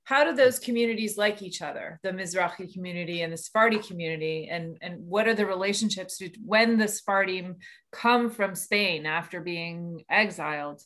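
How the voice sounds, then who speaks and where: A woman with a fairly low voice, hosting a casual interview. She asks inquisitive follow-up questions and lets them run on as she thinks aloud. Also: moderate pace, a bit bright. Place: North America.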